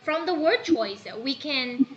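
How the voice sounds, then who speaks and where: In this classroom lesson, a Myanmar woman speaks in a high, slow voice, animatedly putting questions to her students and occasionally switching to Burmese. The audio sounds dull, with a slight hum of background noise.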